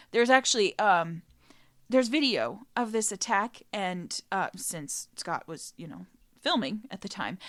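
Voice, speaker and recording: A woman's voice: mid-range voice, fairly bright tone. A woman hosting a podcast, telling a story in a chatty, casual way with laughing asides. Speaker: podcast host.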